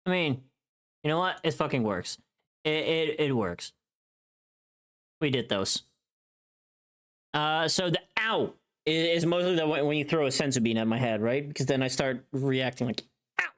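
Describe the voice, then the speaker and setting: A streamer recording a voice pack chats casually and thinks aloud in a rambling way while working through tasks on a livestream. The voice is mid-range and a bit bright, moving at normal speed with long pauses.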